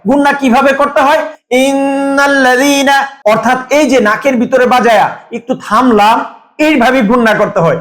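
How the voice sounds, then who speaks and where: Man, high voice, patient step-by-step sales pitch. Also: poor audio. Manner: explains step by step, repeats points. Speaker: seller.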